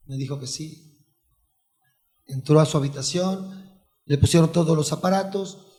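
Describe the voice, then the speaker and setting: A man, a psychotherapist telling a personal story in a soft, halting way that often sinks to a near hush. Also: a little high. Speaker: psychotherapist guest.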